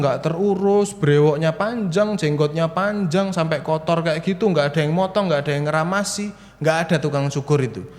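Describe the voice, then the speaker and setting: A man's voice: high voice, pitched above the performer's own voice, natural voice. A preacher voicing a patient male barbershop customer, explaining things steadily. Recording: reverberant church hall.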